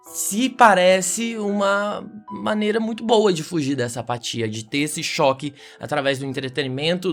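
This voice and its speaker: Man, Brazilian accent, musing monologue, trailing low endings, voice a touch high, soft music behind. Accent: Brazilian Portuguese. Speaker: podcast host. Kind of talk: reflective monologue.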